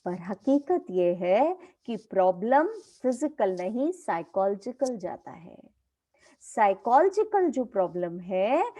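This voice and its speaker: Woman teacher, explains a story chapter, retells dialogue, addresses students affectionately, slow, fairly high. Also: dark tone, highs cut off.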